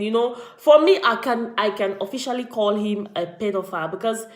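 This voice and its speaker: A woman's voice: a little high, reverberant. A woman from Cameroon, chatting on a live vlog stream and greeting viewers by name. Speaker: vlogger. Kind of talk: casual live-stream commentary.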